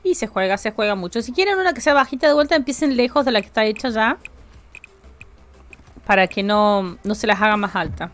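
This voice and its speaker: A woman's voice: on the high side, animated, fairly quick, fairly bright tone, soft background music. A woman with a Rioplatense Spanish accent, chatting casually with her live-stream chat while building in a game, jokey and talkative.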